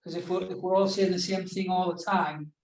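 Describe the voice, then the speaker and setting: A man on a video call who states his disagreement in a firm, measured way. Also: high voice, fairly even intonation, darkish tone. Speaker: coach. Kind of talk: casual video-call discussion. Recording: distant, roomy audio with faint noise.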